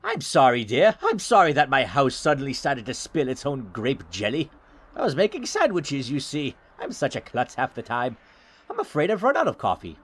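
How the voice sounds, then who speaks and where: A man voicing an elderly widow who is gentle, apologetic and fussy, talking in a polite, motherly way. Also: mid-range voice, wildly swooping pitch, normal speed.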